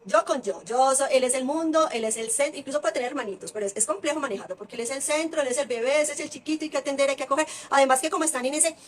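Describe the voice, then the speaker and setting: Brief: middle-aged woman, parenting educator, quick high voice, emphatic chatty lesson. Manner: lively and emphatic, piling up short lists. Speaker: early-childhood parenting educator. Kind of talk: casual teaching talk to parents.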